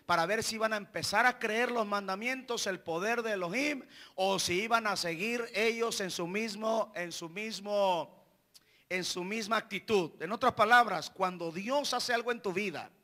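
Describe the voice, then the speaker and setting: A male preacher delivering an impassioned sermon, repeating phrases and building up to shouts. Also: high-pitched, normal speed. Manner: impassioned, repetitive, rising to shouts. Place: church hall.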